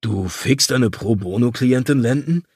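A man's voice: mid-range voice, a little slow, a little mellow, breathy edge, no room sound, clean studio sound. A man voicing a cheeky, crude young man who mocks his friend in an audiobook. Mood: teasing. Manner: mocking, cheeky.

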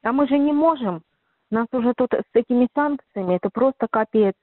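A woman's voice: a little high, brisk, no room sound. A middle-aged woman chats casually on the phone. The line is tinny and narrow, with little room sound, and her talk rambles along in everyday slangy language. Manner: rambling, colloquial. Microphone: telephone.

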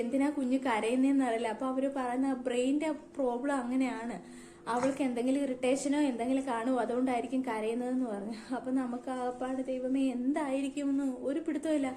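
Middle-aged woman, emotional vlog storyteller; high voice in an echoey room. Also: warm tone, slight background noise. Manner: emotional, repeats "you know" often. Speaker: vlogger, mother. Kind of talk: personal storytelling to camera.

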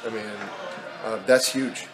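A man's voice: on the low side, flat delivery, unhurried, poor audio. A man in his thirties, a basketball head coach, talking candidly with many fillers in a postgame press interview. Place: indoor press backdrop at an arena.

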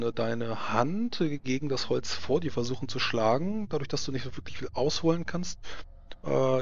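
Slightly muffled male game master. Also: mid-range voice. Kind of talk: narrating a tabletop role-playing game. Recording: slightly muffled mic with faint noise.

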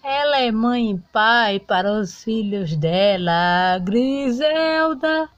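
A woman's voice: fairly high pitch, animated, muffled recording. A woman introducing and narrating her homemade doll soap opera. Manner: slow, announcing.

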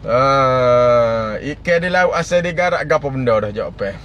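A man's voice: medium pitch, lively intonation, unhurried, a bit bright, muffled recording, slight background noise. A man hosting a casual live stream, greeting viewers by name and chuckling often.

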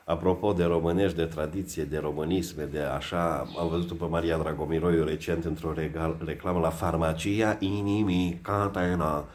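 A man giving satirical news commentary in a sarcastic, mocking way. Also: few pauses. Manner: sarcastic, mocking, lively swings in pitch. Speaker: satirical vlogger.

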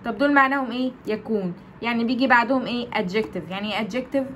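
A woman's voice: a little high, fast, a bit bright, slight background noise. A woman with an Egyptian Arabic accent teaching English grammar. She asks the class questions, answers them herself and repeats the key points. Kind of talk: explaining grammar lesson.

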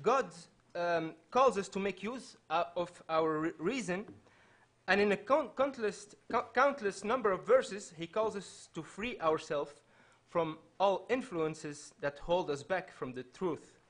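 A man in his thirties, raised in Belgium and a native Dutch speaker, delivers a public lecture as a panelist, speaking into a table microphone at a panel table in a hall. His voice sits high with a fairly bright tone, and he is earnest and measured, though he often restarts his phrases.

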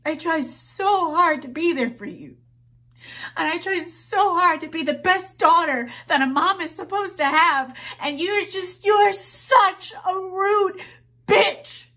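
A young woman performing a dramatic monologue as a hurt, exasperated daughter who cares for her mother, speaking in a halting, pleading, volatile way. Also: medium pitch, lively intonation, close to an everyday voice. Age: young adult. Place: indoors, small room with plain backdrop.

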